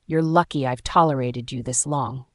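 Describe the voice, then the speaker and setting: A woman's voice: very deep voice, normal speed, dry recording. A woman voicing a domineering male alpha werewolf leader who speaks harshly and commands, in a storybook reading with a dry, close sound. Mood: commanding. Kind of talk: storybook narration.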